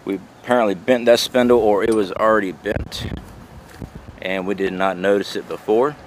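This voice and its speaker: A man's voice: on the low side, steady tone, moderate pace. A middle-aged man narrating a casual handheld walkthrough in a plain-spoken, folksy way, talking to viewers as guys. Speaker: vlogger giving a trailer tour. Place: outdoors around and inside a small trailer. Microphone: handheld camera or phone mic. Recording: noisy camera audio, outdoor and fan hum.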